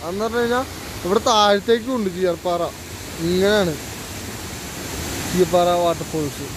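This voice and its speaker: A man in his twenties with a Kerala Malayali accent talks to viewers in a casual travel vlog style. His voice sits high for a man, and he slips English words into his Malayalam. It is recorded on a handheld phone outdoors, with plenty of ambient roadside noise. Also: steady tone, moderate pace. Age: 20s. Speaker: travel vlogger. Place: outdoors by roadsides, dam and waterfall. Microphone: handheld phone at arm's length. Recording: noisy outdoor roadside, wind and traffic.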